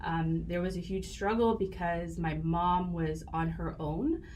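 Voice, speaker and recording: Woman in her 30s, kinda low voice, earnest, lots of ums, faint hiss behind. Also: measured pace, a little mellow. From Canada. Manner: earnest, reflective, with frequent fillers. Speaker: podcast guest, educator. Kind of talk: casual interview chat.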